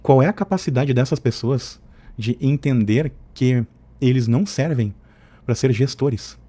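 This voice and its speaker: This man from southern Brazil hosts an opinion channel, and his voice is medium-pitched and mellow. His commentary is informal, opinionated and colloquial, and he drifts into asides while arguing his points.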